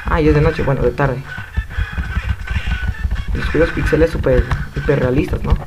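A man's voice: fairly high pitch, fairly even intonation, moderate pace. A young man with a Mexican Spanish accent commenting casually on a fighting game as he plays, swearing in frequent outbursts. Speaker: gamer. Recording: game music loud behind voice.

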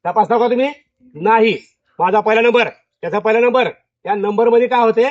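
A man's voice: sits high, fairly quick, no echo. Male teacher in a classroom, keeps firing the same question at pupils, dry, dull lo-fi recording. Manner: repeats questions to pupils, drilling. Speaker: school teacher.

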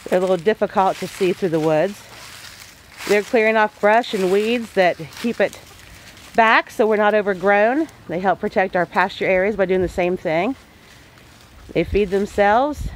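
A woman's voice: medium pitch, measured pace, slight background noise, rough recording. A woman homesteader giving a casual voice-over, plain-spoken and folksy with homey farm phrasing.

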